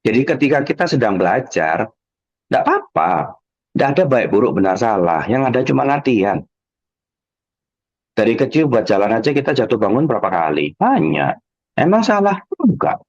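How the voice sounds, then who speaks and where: A man's voice: normal speed, pauses often, breathy edge. A man from Indonesia, giving a motivational talk as an emotional coach, telling stories animatedly and acting out quoted voices. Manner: animated storytelling, acting out quoted voices with sudden high jumps. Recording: slightly dull lo-fi audio.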